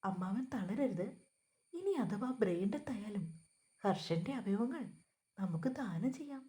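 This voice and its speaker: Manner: cold. Figure: woman reading a calm, vengeful young man. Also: medium pitch, a little slow, lightly acted. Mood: coldly mocking. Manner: controlled, cutting.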